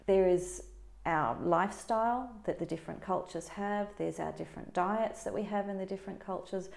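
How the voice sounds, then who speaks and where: Gravelly woman guest explaining with animation. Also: mid-range voice, normal speed, echoey room. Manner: animated, explanatory, does dramatic quoted voices. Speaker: Chinese medicine practitioner.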